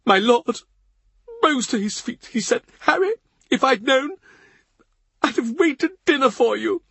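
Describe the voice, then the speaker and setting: For an audiobook, a man performs a grieving male servant, a weeping, tearful gentleman who cries and tells his story in a breathless, tearful way. The heavily acted voice is pushed up very high, expressive, fairly bright and husky with vocal fry, slightly slow, and recorded dry.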